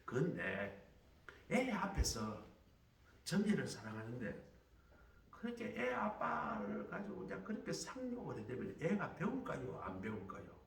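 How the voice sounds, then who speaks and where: A pastor acting a fervent church deacon. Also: male voice, fairly high pitch, huge pitch swings, unhurried, vocal fry, full character voice. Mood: pleading. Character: earnest church deacon counseling a neighbor. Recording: roomy hall from a distance.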